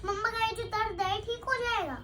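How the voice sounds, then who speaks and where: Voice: very high voice, fairly quick, bright, forceful tone. A young girl at home earnestly telling her mother that crying will not help. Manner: earnest, lecturing tone. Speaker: young daughter. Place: home, indoors.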